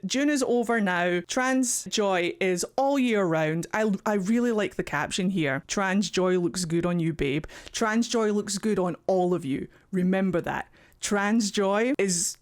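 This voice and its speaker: A Scottish-accented man with a voice that sits high hosts casual YouTube reaction commentary from his warm home office. He's animated and encouraging, occasionally swearing in passing.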